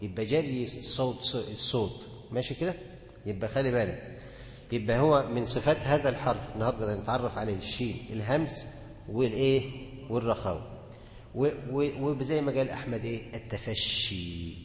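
Egyptian male teacher, mid pitch, quizzes the class, booming hall reverb. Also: fairly quick, slight background noise. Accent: Egyptian Arabic. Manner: asks the class questions and answers them himself. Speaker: Quran recitation teacher. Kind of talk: classroom lesson on tajweed. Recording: echoey hall with long reverb.

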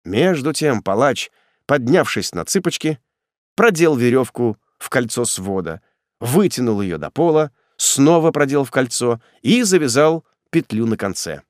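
A man narrating a classic novel in a measured, dramatic storytelling way. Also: mid-range voice, big pitch swings, no room sound, clean studio sound. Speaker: audiobook narrator. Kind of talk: scripted literary narration.

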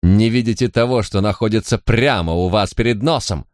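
A man reading an audiobook voices a furious, grieving middle-aged noblewoman who screams accusations in a shrill voice. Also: moderate pace, no echo, clean studio sound, lightly acted. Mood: furious, screaming.

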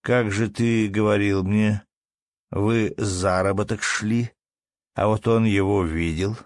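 A man's voice: lowish voice, steady tone, slow pace, no room sound, studio quality. A man reading an audiobook, voicing a stern male tavern keeper who gives commands.

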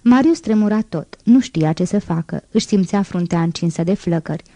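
A woman narrating an audiobook in a measured, clear reading. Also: lowish voice, warm tone, no room sound. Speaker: audiobook reader.

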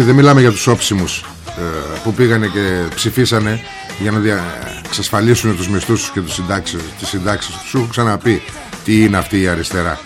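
A man hosting a political talk show, delivering a sarcastic, combative monologue straight at the viewer. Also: mid-range voice.

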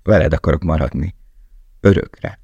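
A man voicing a tender, haunted young woman prisoner in an audiobook, reading her lines softly with a slightly raised voice. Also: extremely low pitch, slightly rough, no room sound, highs cut off, exaggerated voice. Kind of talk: audiobook dialogue.

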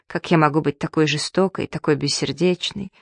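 A woman's voice: sits low, a little fast, creaky, no room sound. A reader voicing a proud, distraught young woman who begs and argues with feeling, in an audiobook. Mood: pleading. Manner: pleading, emotional reading.

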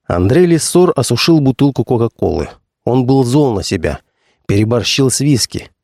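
A man reading a thriller audiobook in a dramatic, animated storytelling manner. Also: mid-range voice, moderate pace, no echo, studio quality. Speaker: audiobook narrator.

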